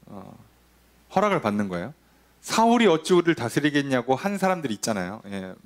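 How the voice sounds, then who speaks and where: A male pastor giving a Sunday sermon, asking rhetorical questions and briefly acting out the people he quotes. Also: medium pitch. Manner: lively preaching, acts out quoted voices, rhetorical questions.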